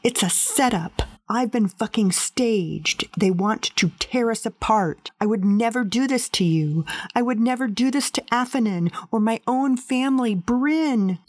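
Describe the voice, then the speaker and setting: A woman's voice: fairly high pitch, measured pace, hardly any pauses, no room sound, voice pushed up. A woman narrator puts on an anguished young woman warrior in a storybook reading, pleading desperately to be believed. The voice is raised and strained, recorded close and dry.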